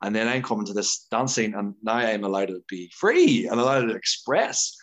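A man's voice: fairly low pitch, sing-song, moderate pace, a bit bright. A man with an Irish accent talking casually as an interview guest, stressing and repeating words as he builds his point. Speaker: podcast guest, competitive dancer.

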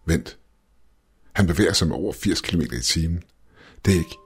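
A man's voice: deep voice, lively intonation, husky, faint music behind, exaggerated voice. A man doing a tense astronaut commander. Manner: urgent, commanding. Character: male astronaut leader, tense, fraying nerves.

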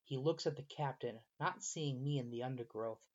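Man narrating a dark fantasy story. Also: medium pitch, moderate pace. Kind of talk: first-person story narration. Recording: slightly muffled recording.

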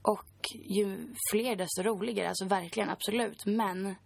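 A woman's voice: medium pitch, fairly even intonation, creaky, husky, dry recording. A woman in her twenties, a podcast guest, recounting a personal story in a chatty way full of fillers.

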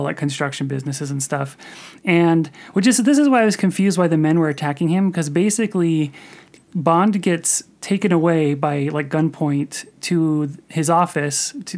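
A man co-hosts a casual film podcast, talking in long, animated runs. He loops back, restarts his sentences, and piles on fillers as his thoughts tumble out. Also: a little high. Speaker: podcast co-host. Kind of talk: casual chat about films.

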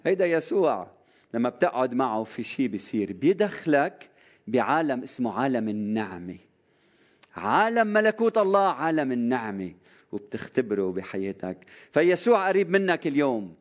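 A man preaching a sermon in a Lebanese Arabic accent, fervent, moving between soft low phrases and raised cries. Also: big pitch swings, a little fast.

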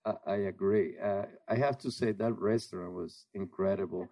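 Gravelly-voiced man from Miami. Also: sits low, normal speed, dark tone, no echo, rough recording. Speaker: co-host. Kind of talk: casual interview chat.

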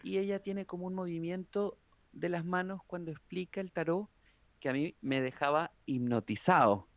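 A man imitating a soft, sweet-voiced female tarot teacher with a Chilean accent. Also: high-pitched, moderate pace, dry recording, voice pushed up. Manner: dreamy, soft-spoken.

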